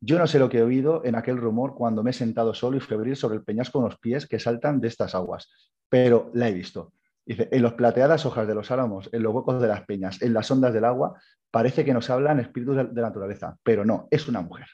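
A man's voice: medium pitch, quick pace, dark tone, husky. A man from Spain co-hosting a podcast, casually retelling an old tale and acting out the characters' lines. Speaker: podcast co-host. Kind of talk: casual storytelling. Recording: slightly dull lo-fi audio.

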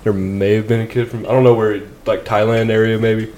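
A man's voice: on the low side, little pitch movement, a little fast, warm tone, a little hiss or hum, poor audio. A man co-hosting a podcast in casual chat, rambling and hesitant with a jokey streak. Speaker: podcast co-host.

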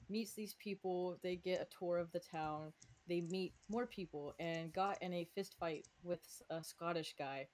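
Low-voiced woman with a slight lisp. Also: moderate pace, a little mellow. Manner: giggly aside-prone reading. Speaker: fanfic reader and author. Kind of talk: reading her own fanfic aloud to friends.

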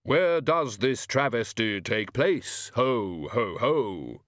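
A man's voice: mid-range voice, sing-song, takes it slowly, fairly bright tone, no echo, studio quality. A man voicing a solemn, literal-minded spirit of death in a storybook reading, formal and ponderous in manner. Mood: disapproving.

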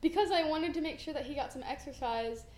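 A woman's voice: high voice, fast, darkish tone, a little hiss or hum. A young woman co-hosting a film podcast, chatting casually in an informal, rambling, giggly way from inside a house. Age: young adult. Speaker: podcast co-host. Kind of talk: casual film review chat. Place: echoey room in a house. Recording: echoey room in a house.

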